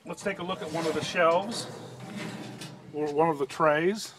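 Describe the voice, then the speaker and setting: Chatty higher-voiced man in his fifties. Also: unhurried. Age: 50s. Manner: chatty, joking salesman patter. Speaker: product demonstrator. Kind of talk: outdoor product demonstration. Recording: audible outdoor background noise.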